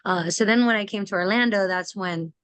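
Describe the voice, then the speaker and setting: A young woman from Massachusetts hosting a casual video call chat, relaxed and full of "like" fillers. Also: medium pitch, a little fast, smooth, dry recording. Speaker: host.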